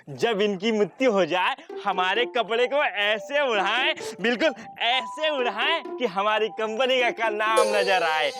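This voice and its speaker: A slick rhyming salesman. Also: high-pitched. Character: slick male shroud-cloth salesman.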